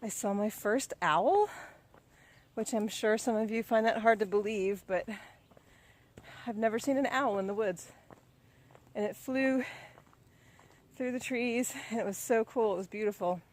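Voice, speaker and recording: A middle-aged woman giving a relaxed, chatty, self-encouraging training update on a ride outdoors. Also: on the high side, a little slow, pauses often. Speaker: vlogger. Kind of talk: casual spoken training update.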